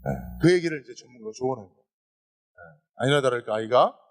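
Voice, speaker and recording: A man preaching a sermon as pastor, animated, often addressing the congregation directly. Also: mid-range voice, brisk. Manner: animated preaching with calls of "여러분".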